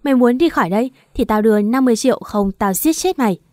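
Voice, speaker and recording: Woman voicing a threatening male debt collector, coarse and blunt, warm dark tone, dry close sound. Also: a little high, animated, quick pace, no echo, natural voice.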